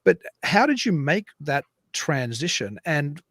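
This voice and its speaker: A man's voice: fairly high pitch, big pitch swings, measured pace, a bit bright, dry recording, studio quality. A man hosting an online talk show over a video call, introducing a guest in a rambling, self-correcting way. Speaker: podcast host. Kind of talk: casual online show chat.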